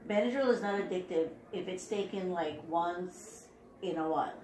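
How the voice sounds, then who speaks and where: A woman's voice: on the low side, moderate pace, a little mellow, a little hiss or hum. Firm middle-aged woman, echoey hidden-wire recording. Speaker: mother of the patient. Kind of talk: heated discussion.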